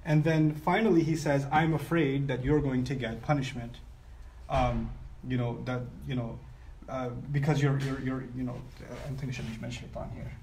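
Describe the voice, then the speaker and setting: A man teaching a structural lesson on scripture, animated and often voicing the speakers of the story as he explains. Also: medium pitch, normal speed, recorded from a distance, slight background noise. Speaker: Quran teacher. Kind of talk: lecture on scripture. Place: broadcast live online.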